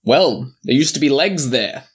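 Tabletop role: male player as deadpan trapped soul in orb form, musing, middle-pitched. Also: measured pace, husky. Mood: wry. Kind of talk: tabletop role-play acting.

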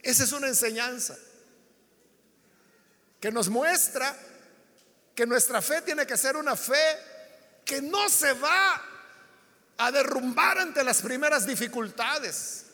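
A man's voice: extremely high pitch, expressive, slow, pauses often, bright, forceful tone, in a large hall. A man preaching a sermon, passionately acting out the dialogue of his stories. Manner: impassioned, acts out biblical dialogue.

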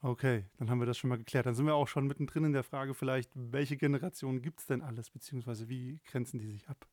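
Man, 30s, podcast host, relaxed chatty questions, dry close sound. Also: mid-range voice, fast, no room sound. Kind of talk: podcast interview.

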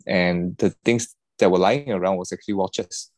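A man answering podcast questions in a relaxed, halting way. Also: sits low, dry recording. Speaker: podcast guest, watch collector. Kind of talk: casual interview answers.

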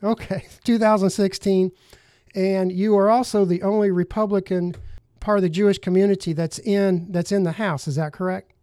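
A man hosting a talk show, speaking earnestly and pausing with fillers and restarts. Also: sits high, fairly even intonation, warm tone, smooth, no echo. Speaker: host.

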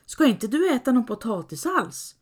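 A woman's voice: on the high side, very animated, a little mellow, pitched above the performer's own voice. A woman voicing an anxious, flustered peasant mother who talks in a fretful, pleading way.

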